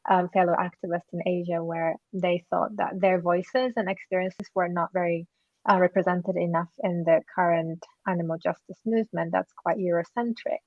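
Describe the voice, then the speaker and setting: A woman's voice: lowish voice, steady tone, normal speed, no room sound, highs cut off. A woman from Japan answering as a panelist, speaking earnestly and thoughtfully with fillers and small self-corrections. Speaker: panelist, co-founder of an activist group.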